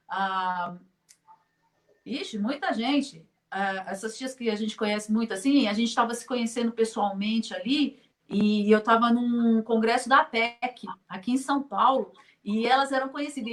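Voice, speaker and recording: A middle-aged woman from Brazil who teaches in children's ministry, giving an online conference talk and telling stories with acted-out dialogue and frequent laughter. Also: fairly high pitch. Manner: lively storyteller, laughs often, acts out quoted dialogue.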